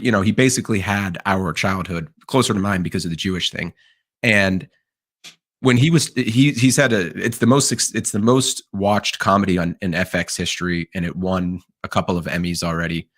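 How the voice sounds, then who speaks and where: Earnest low-voiced man making his case. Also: fairly bright tone. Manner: earnest, argumentative, enthusiastic. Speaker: podcast co-host. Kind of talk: casual chat.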